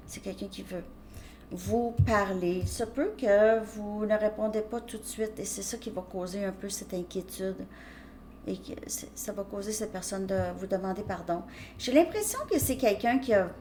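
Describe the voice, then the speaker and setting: A woman's voice: medium pitch, darkish tone, slight background noise. Hesitant woman reading tarot. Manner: hesitant, restarts often, checks in with "ok?". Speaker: tarot reader.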